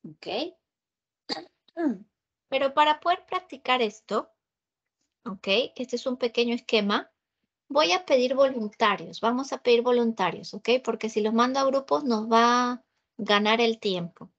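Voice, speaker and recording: A woman English teacher with a Peruvian Spanish accent leads an online class over a video call. Her voice sits a little high, and she talks patiently, repeating points and pausing often to ask if everyone follows. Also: animated, muffled recording. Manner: patient, repeats and checks understanding with frequent "ok?".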